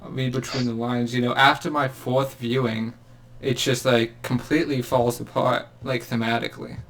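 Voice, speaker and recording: A man's voice: medium pitch, flat delivery, moderate pace, fairly bright tone, slight background noise. A young man co-hosting a podcast in casual chat, sarcastic and rambling with lots of fillers and laughter. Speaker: podcast co-host.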